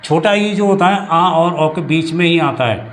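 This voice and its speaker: A man teaching English grammar in a classroom-style lesson, explaining slowly and repeating himself often. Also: a little high. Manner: explains slowly with many repetitions and restarts.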